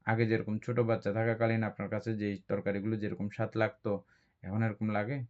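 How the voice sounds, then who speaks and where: A man's voice: fairly low pitch, level tone, brisk. A man, a Buddhist monk, teaching dharma, explaining patiently and asking rhetorical questions. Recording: dull lo-fi recording.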